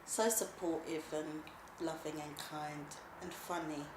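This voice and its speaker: Mum, lowish voice, emotional and laughy, echoey noisy room. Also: female voice, steady tone, measured pace. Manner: warm, emotional, laughs easily. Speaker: interviewee, mother and grandmother. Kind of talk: casual documentary interview. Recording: echoey room with background noise.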